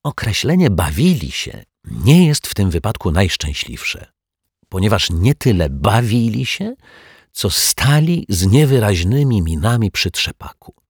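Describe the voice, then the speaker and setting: Male narrator, deep and slightly husky, measured and playful for a kids' audiobook; close, dry mic. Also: big pitch swings, no room sound. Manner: measured, gently playful storytelling. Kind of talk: scripted children's story narration.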